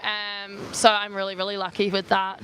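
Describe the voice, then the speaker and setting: Poor audio captures a twenty-something New Zealand woman, a travel vlogger, answering viewer questions on a phone livestream outside on a beach promenade. Her medium-pitched voice is monotone and sharp at a moderate pace, and she's chatty, saying "like" constantly, while sweaty and squinting against the sun. Faint street and traffic noise is audible.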